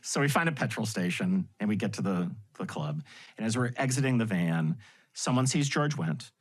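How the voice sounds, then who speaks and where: A man guesting on a podcast, telling anecdotes in an animated way and laughing often. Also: on the low side, moderate pace. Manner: animated storyteller with frequent laughs. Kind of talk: anecdotal storytelling in conversation.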